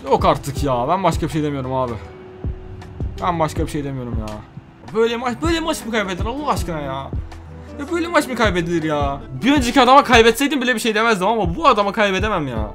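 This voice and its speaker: A young man commentating his own football video game as he plays, excitable, shouting and groaning at every play. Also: high voice, quick pace. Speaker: gaming YouTuber. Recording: faint game music behind.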